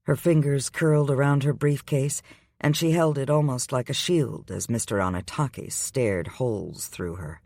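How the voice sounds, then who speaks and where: A man reading a romance audiobook aloud in a steady, even storytelling manner. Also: mid-range voice, normal speed, no room sound, clean studio sound. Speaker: audiobook narrator. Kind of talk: scripted romance narration.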